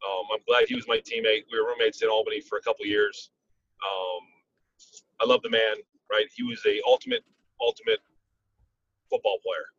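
Animated man telling stories on a muffled call. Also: on the low side, fairly quick, vocal fry, long pauses, distant mic. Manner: animated storyteller, frequent "um" and "right?". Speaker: podcast guest, former football player and coach. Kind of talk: casual interview storytelling.

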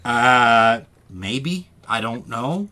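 A man's voice: mid-range voice, lively intonation, very slow, sharp tone. A middle-aged man from the Midwest co-hosting a podcast in casual chat, stammering through restarts and laughing easily. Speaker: podcast co-host.

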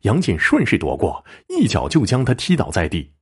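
A man narrating a story dramatically, swinging between low murmurs and raised bursts. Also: huge pitch swings, moderate pace, husky.

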